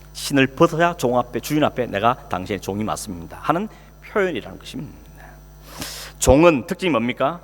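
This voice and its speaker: A male pastor preaching a sermon in a conversational way, asking the congregation questions and acting out quoted speech. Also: mid-range voice. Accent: Korean. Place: church sanctuary. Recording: long hall reverb, faint hum.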